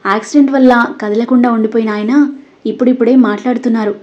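A woman voicing a caring young husband who speaks gently and reassuringly. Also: fairly high pitch, steady tone, quick pace, highs cut off, natural voice. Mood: gentle.

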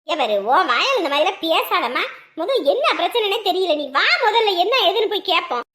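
A woman's voice: extremely high pitch, lively intonation, brisk, fairly bright tone. A woman playing a village woman who laments, comforts and scolds her distressed friend. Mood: reassuring. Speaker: neighbor older-sister figure. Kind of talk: rural Tamil drama acting.

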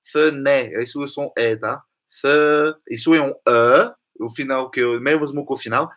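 A French man teaching the pronunciation of a song's lyrics, singing lines slowly and then explaining them. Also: mid-range voice, fairly bright tone.

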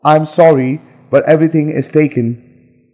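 A man with a slightly raised pitch reads practice dialogue phrases in a plain, measured delivery. A long reverb hangs after his lines. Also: steady tone, a little mellow. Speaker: dialogue reader in an English lesson. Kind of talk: scripted dialogue reading.

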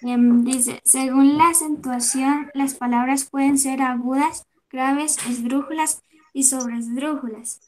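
A student reading a textbook aloud on a video call, softly and hesitantly. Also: female voice, high voice, fairly even intonation, slow, a little hiss or hum, rough recording.

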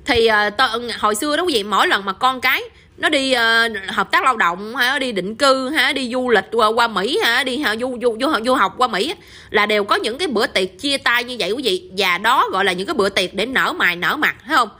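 A woman's voice: fairly high pitch, expressive, brisk, sharp tone. A woman with a Southern Vietnamese accent telling a story casually, often turning to her listeners with tag questions.

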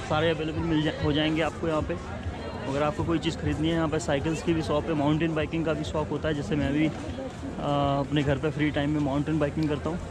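A man's voice: a little high, rough recording. A man in his thirties vlogging casually, chatting like a tour guide as he shows a hotel room and walks a busy mountain-town street, recorded on a handheld camera mic. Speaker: travel vlogger. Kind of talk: casual travel vlog narration.

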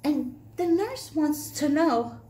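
A woman in her sixties tells stories to friends in her kitchen. She talks bluntly and laughs often. Her voice sits high and swings up and down a lot, and the recording has clear background noise. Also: animated, slow. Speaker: host. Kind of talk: casual storytelling chat. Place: home kitchen.

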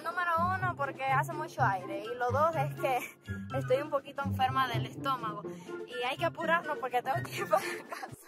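A young Cuban woman casually telling anecdotes to camera outdoors in the wind, chatty and animated. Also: sits high, a little fast, over loud music. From Cuba. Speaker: vlogger. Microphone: camera or phone built-in mic.

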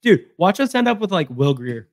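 Man, podcast co-host, casual sports chat, slightly high voice, dry close sound. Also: moderate pace, no room sound. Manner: animated, repeats phrases, laughs easily.

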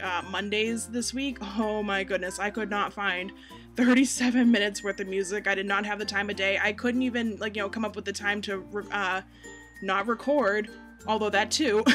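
A young American woman rambles casually over gameplay footage. She is self-deprecating and chatty, with a middle-pitched voice and music playing behind her. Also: fairly bright tone. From United States. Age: young adult. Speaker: gaming YouTuber.

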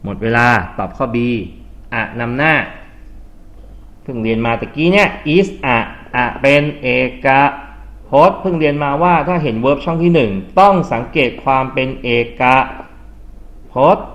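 Quizzing his students again and again, a male English tutor teaches grammar in class and slips English terms into what he explains. His mid-range voice is expressive and a bit bright, at a measured pace, captured in a dull lo-fi recording.

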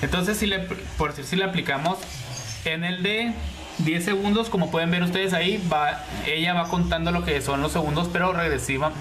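A man's voice: high-pitched, brisk, fairly bright tone. A man hosting a casual product review vlog, chatty and hesitant, repeating himself and using lots of diminutives. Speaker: YouTube beauty channel host reviewer. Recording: roomy echo with background hiss.

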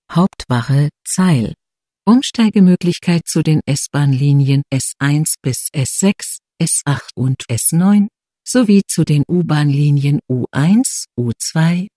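A transit announcer giving scripted subway announcements of stations and transfers in formal, measured, segmented phrases. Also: mid-range voice, dark tone, no room sound, studio quality.

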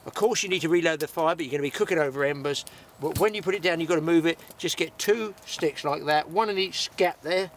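A man's voice: a little high, fast, fairly bright tone, slight background noise. A middle-aged man chatting and joking as he demonstrates a homemade grill, recorded outdoors at a woodland camp by a camera a little way off. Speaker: host's father.

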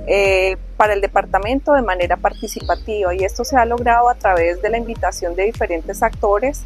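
A middle-aged Colombian woman speaks as a project spokesperson, explaining things to camera in an interview. Her pitch is medium and there is music playing underneath. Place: outdoors in a park. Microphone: lapel. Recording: music bed behind the voice.

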